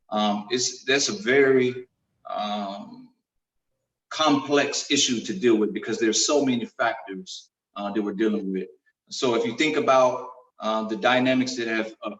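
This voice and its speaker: A man speaking as an imam on a panel over a video call, measured and pausing often with fillers. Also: mid-range voice, dull audio. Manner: measured, with frequent pauses and fillers. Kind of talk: panel discussion. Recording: roomy video call audio from far off the mic.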